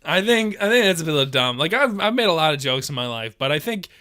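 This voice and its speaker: A young man co-hosting a podcast, chatting casually with deadpan, absurd jokes. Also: fairly high pitch, quick pace, clear, resonant tone, no echo, clean studio sound. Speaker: podcast co-host. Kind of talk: casual comedic chat.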